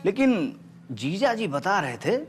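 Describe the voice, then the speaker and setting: Cocky rustic sitcom dude picking a fight, slightly high voice, loud music bed. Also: male voice, very animated, unhurried. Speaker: sitcom character, brother-in-law. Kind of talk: sitcom acting.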